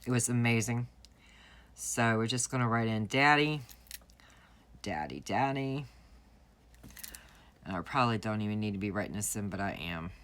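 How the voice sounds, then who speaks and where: A woman's voice: a bass voice, animated, normal speed, long pauses, a bit bright. A woman, chatting and telling stories while setting up her planner at home. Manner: chatty, storytelling, laughs often. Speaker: planner vlogger. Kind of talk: casual chat while crafting.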